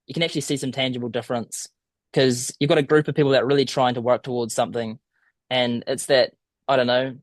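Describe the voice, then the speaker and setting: This is a dry recording of a young adult man in a casual interview, a student abroad who grew up in a small town in southern New Zealand. He has a mid-range voice and a broad accent, and he answers informally with a touch of hesitation.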